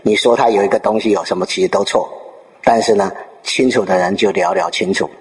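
Speaking fairly quickly in a low voice, a man tells a Zen story during a Buddhist dharma talk, full of lively narration and questions posed rhetorically to the audience. The hall adds a long, trailing reverb.

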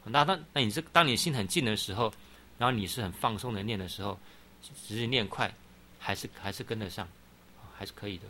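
A man's voice: on the low side, fairly quick, sharp tone, a little hiss or hum. A middle-aged man giving a Buddhist dharma talk, patiently explaining and often saying "好" between points. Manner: frequent "好" interjections, patient explaining. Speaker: Buddhist teacher. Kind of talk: dharma talk answering questions.

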